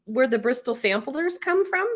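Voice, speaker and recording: She has a high, animated voice at a moderate pace. Stuffed up with a head cold, the live stream host chats and rambles while reading viewers' comments, frequently breaking into laughter.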